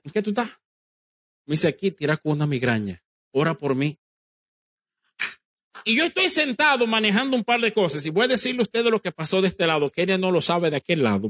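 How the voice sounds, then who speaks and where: A male pastor with a slightly high voice preaches a sermon emphatically, speaking directly to his congregation. He dramatizes quoted dialogue and weaves English phrases into Spanish. There is no room sound; the audio is dry.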